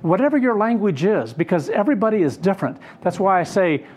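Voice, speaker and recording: A man's voice: sits high, very animated, fast, a little mellow. A man teaching on scripture off the cuff, earnest and rambling, often correcting himself mid-sentence. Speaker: Bible teacher. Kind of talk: unscripted Bible teaching.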